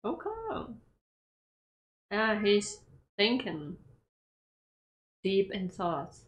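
Unhurried young woman reacting to anime. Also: mid-range voice, lo-fi sound. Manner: chatty, giggly, talks back to the screen. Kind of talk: casual reaction commentary. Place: small bedroom, indoors.

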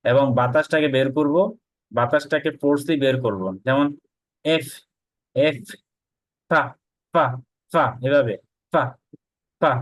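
A man with a Bengali accent teaching English pronunciation in an online class, slowly repeating practice phrases and often checking in with his students. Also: mid-range voice, no room sound, poor audio.

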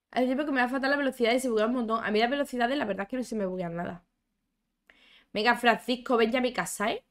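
A woman's voice: a little high, bright, forceful tone. Chatty young woman playing a game. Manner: chatty, exclamatory, talks to her game characters and viewers. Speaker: gaming YouTuber. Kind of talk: casual gameplay commentary.

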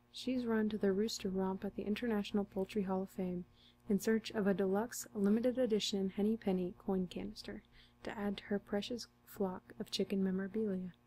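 A young woman in an ASMR role-play as a friendly, helpful librarian, speaking in a soft, intimate library soft voice. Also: mid-range voice, slightly rough, low-quality recording. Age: young adult. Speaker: ASMR performer playing a librarian. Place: small curtained room indoors.

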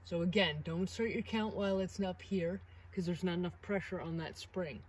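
A woman's voice: lowish voice, fairly even intonation, moderate pace, slight background noise. A middle-aged woman outdoors beside a sawmill, explaining maintenance steps in a practical, encouraging way, recorded on a camera mic. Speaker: sawmill owner demonstrating maintenance. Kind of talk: hands-on instructional video.

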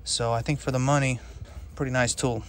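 Relaxed mechanic talking through a scan. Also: male voice, mid-range voice, brisk, slight background noise. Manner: relaxed, matter-of-fact, with fillers. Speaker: auto mechanic reviewing a scan tool. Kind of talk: casual hands-on demo narration. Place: inside a car in a workshop.

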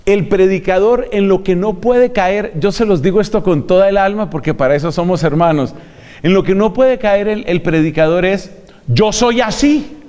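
A man's voice: high-pitched, normal speed, mellow, smooth. A man, a friar giving an earnest, emphatic lecture on how to preach, speaking straight to his listeners. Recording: long hall reverb.

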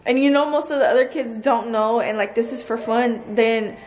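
Chatty high-voiced woman vlogger. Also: moderate pace, darkish tone. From Texas. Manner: chatty, blunt, swears freely, rants. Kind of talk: casual chat to camera.

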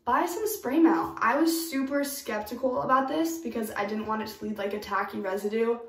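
A woman's voice: a little high, normal speed, echoey room, far from the mic, noisy background. A young woman giving casual, emphatic DIY tips in a home bathroom, recorded by a camera in front of her. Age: young adult. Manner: chatty, emphatic, upbeat. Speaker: DIY vlogger.

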